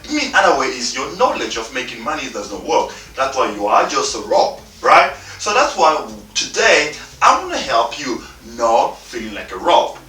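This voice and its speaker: In an echoey room with faint music underneath, a Congolese man in his thirties delivers a motivational talk, sounding a little far off. His English is emphatic, repetitive, and informally non-native, and his bright, forceful voice at medium pitch rises and falls widely. He's very animated, keeping a moderate pace with hardly any pauses.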